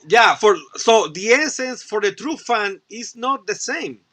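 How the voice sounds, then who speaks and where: A man whose first language is Spanish, chatting casually as a guest, animated and full of restarts. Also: high voice. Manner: halting, many restarts, animated. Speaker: guest toy reviewer. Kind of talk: casual chat.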